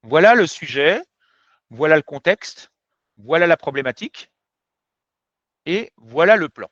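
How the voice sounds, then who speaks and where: Speaking directly to viewers, a male French teacher explains his lesson with emphasis and an unhurried pace. His fairly high, slightly bright voice has lively intonation. There's no echo, though the audio comes across dull and a little muffled.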